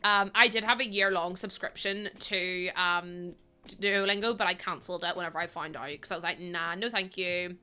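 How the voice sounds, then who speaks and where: During a livestream, a woman keeps up relaxed, chatty conversation with viewers, laughing frequently and greeting the chat warmly. Her voice is on the low side, smooth and steady, at a normal speed.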